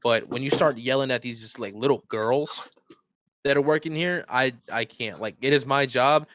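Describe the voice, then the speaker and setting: A man's voice: medium pitch, moderate pace, dry recording. A man co-hosting a podcast, telling work stories in casual chat and acting out the angry customers. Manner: animated storyteller, acts out angry customers. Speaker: podcast co-host.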